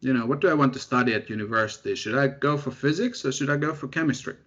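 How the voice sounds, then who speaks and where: A young man from Finland, a postdoctoral researcher telling his story in a relaxed, self-deprecating way as an interview guest. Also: medium pitch, fast talker. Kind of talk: casual interview chat. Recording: dull lo-fi audio.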